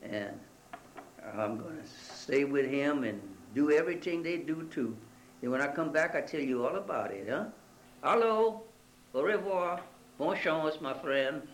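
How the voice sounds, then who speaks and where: A man's voice: a little high, lively intonation, a little slow, a little hiss or hum, voice pushed up, rough recording. A man with a Cajun accent playing a folksy Cajun storyteller who speaks in broken dialect English with French phrases. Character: folksy Cajun man spinning a bayou tale.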